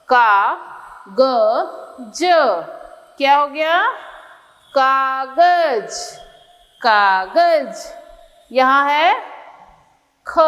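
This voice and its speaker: A woman's voice: high voice, a bit bright, in a large hall. A woman teacher giving a kindergarten reading lesson, sounding out letters and syllables one by one.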